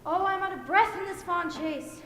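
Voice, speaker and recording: A woman's voice: extremely high pitch, moderate pace, pushed and bright, slight background noise. A teenage girl playing a scorned, lovesick young woman in a school stage play, pleading in earnest, heard from a distant mic in an echoey hall. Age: teens. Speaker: student actor. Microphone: distant room mic.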